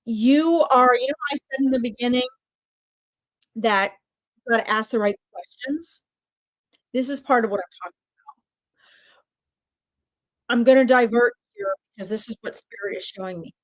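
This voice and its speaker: Animated woman in her fifties, dry close mic. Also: a little high, a little fast, no room sound, low-quality recording. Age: 50s. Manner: chatty, animated, talks straight to viewers. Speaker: psychic medium giving live readings. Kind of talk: live-stream reading, addressing viewers.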